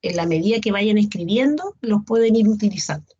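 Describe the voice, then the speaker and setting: A woman's voice: mid-range voice, lively intonation, fairly quick, warm tone, slightly rough. A woman teacher gives an online class, patiently listing examples and often checking in with her students. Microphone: video call. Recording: dull lo-fi video call audio.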